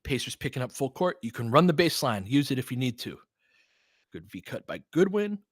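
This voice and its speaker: A man's voice: medium pitch, very animated, a little fast, dry recording, studio quality. A man doing casual live basketball play-by-play and analysis, chatting informally with listeners and urging the players on like a fan. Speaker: host of a basketball film-room audio stream.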